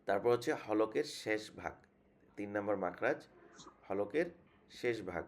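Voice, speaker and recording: A man's voice: fairly low pitch, lively intonation, a little slow. A man teaching a tajweed lesson, patiently repeating each sound many times as a demonstration. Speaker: Quran recitation teacher.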